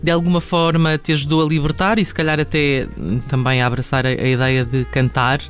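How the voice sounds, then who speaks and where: A man's voice: fairly high pitch, flat delivery, brisk, faint music behind. A man asking questions in a conversational radio interview, hesitating as he goes.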